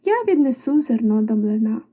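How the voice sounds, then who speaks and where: A woman voicing a patient, hardworking little male rooster in a storybook reading, sometimes in a soft half-whisper. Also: a little high, animated, fairly quick, lo-fi sound. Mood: resigned.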